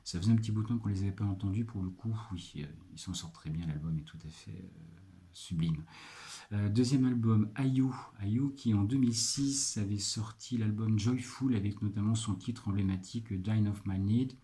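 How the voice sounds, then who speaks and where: A French librarian presenting picks in a casual video, hesitant and full of filler pauses as he checks his notes. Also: lowish voice, warm tone. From France.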